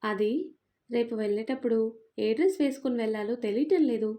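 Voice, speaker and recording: A woman's voice: on the high side, brisk, warm tone, lightly acted. A woman playing a cheeky, pampered young daughter. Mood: whiny teasing. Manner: teasing, whiny and affectionate.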